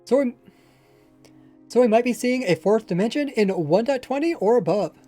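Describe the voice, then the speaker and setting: Extremely high-pitched and lively in intonation, the man speaks at normal speed with a dark tone during a casual, rambling Minecraft livestream. His pronunciation is lazy and slightly mumbled with a faint accent, over faint music.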